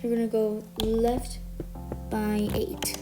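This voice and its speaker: A mid-range, monotone voice moves at a slow pace through a building tutorial. The creator is a bit sick today, counting out blocks step by step and fixing small slips, with music playing underneath.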